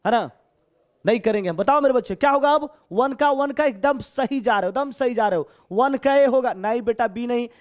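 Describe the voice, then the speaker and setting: A man's voice: very high-pitched, fairly quick. A man from Bihar teaching English in a live online class, speaking Hindi with a Bihari accent, chatty and joking as he coaxes his students. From Bihar, India.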